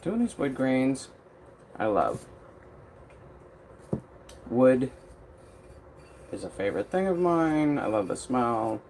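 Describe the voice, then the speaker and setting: A man in his workshop talks through his craft on a live stream. He speaks at an unhurried, drawn-out pace and rambles with plenty of ums and uhs. Faint outdoor noise sits under his voice. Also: mid-range voice, sing-song, vocal fry, a little mellow, rough recording. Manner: rambling, unhurried, many fillers. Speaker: custom tumbler maker.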